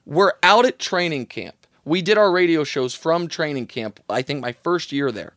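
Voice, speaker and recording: Man, thirties, sports radio guest, animated storyteller, raised high voice, dry close recording. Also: no echo. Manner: impassioned, quick to rise in pitch and volume when retelling.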